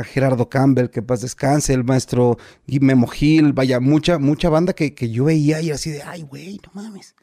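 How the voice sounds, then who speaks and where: Dark-voiced Mexican actor, casual storyteller. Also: male voice, mid-range voice, no room sound, studio quality. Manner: colloquial, many fillers and repeats. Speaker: actor guest.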